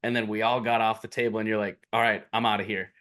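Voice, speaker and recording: A man's voice: lowish voice, flat delivery, fast, fairly bright tone. Laid-back man chiming in on a podcast. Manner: laid-back, corrects details and fills in the story. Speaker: podcast co-host. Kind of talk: casual chat.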